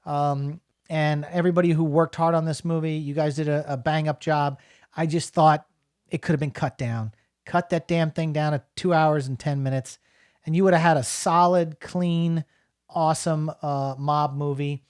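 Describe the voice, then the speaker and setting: A man's voice: on the high side, steady tone, moderate pace, a little mellow, clear, resonant tone, dry recording, studio quality. A middle-aged man from New Jersey giving a casual, rambling spoken film review, full of fillers and restarts.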